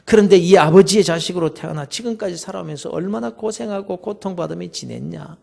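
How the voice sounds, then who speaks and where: A male preacher voicing an aging pastor-father who speaks softly and remorsefully to his wife and children. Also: sits high, fairly quick, creaky, pitched below the performer's own voice, heavily acted. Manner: soft, subdued, remorseful.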